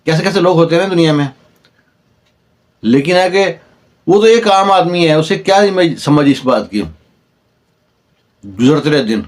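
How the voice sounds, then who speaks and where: A man's voice: on the high side, expressive, long pauses. A man with a Pakistani Urdu accent telling a long village story in a conversational way, briefly voicing the people in it. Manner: conversational, acts out dialogue in the telling. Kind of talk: oral storytelling.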